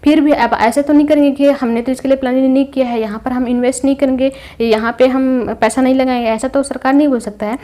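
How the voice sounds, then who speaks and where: A young woman with a Chhattisgarh Hindi accent and a somewhat high voice teaches an exam-prep class. She explains patiently and often checks that her listeners are following. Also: fairly even intonation, quick pace, few pauses, mellow. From India. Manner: explains patiently with everyday examples, fillers and check-ins.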